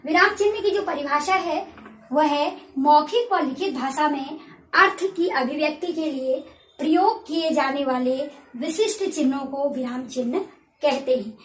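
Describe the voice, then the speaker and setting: A woman's voice: sits high, moderate pace. A woman teacher giving a recorded grammar lesson to students. She explains patiently, repeats her points and asks and answers her own questions. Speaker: school teacher. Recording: echoey room.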